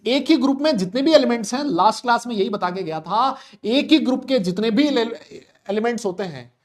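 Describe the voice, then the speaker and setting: A young male chemistry teacher giving an online class, chatty and loud, talking to students and voicing their questions himself. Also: high voice.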